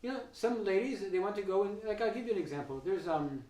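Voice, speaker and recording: A man from the United States talks through ideas in a loose, rambling way, full of fillers and restarts. His voice sits a little high for a man. It is recorded in an echoey room, picked up from some distance off the mic. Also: expressive, quick pace, darkish tone. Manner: rambling, thinks aloud with many fillers and restarts. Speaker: economics and philosophy host. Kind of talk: casual conversational interview.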